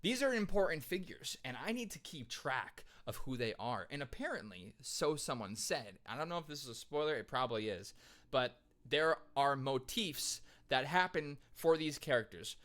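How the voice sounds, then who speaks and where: A male composer giving excitable, casual reaction commentary on music, scatting rhythms out loud to explain them. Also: mid-range voice, normal speed.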